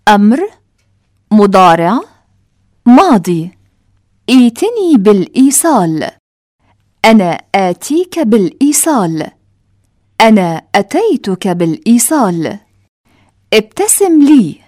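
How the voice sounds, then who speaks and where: Slow, lively-voiced woman teacher. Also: medium pitch, dry recording, studio quality. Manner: reads model sentences slowly and carefully. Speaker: language teacher. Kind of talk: verb conjugation drill.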